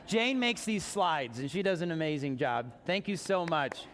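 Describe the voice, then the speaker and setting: A man's voice: on the high side, sing-song, normal speed, very noisy. A man preaching a sermon as pastor, talking in a conversational way and joking with his congregation. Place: church sanctuary. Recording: long church reverb.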